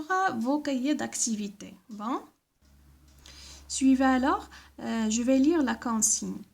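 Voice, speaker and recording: A woman's voice: high-pitched, vocal fry, darkish tone. A woman teaching a primary school class, reading instructions and spelling out letters and sounds, often checking with "d'accord?". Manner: slow, careful, repeats words and letters, frequent "d'accord?".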